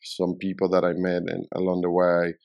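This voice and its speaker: Gravelly, low-voiced middle-aged man. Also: monotone, dull audio. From Venezuela. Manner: halting, often repeats words while searching for them. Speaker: real estate developer, guest. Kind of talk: casual interview answers.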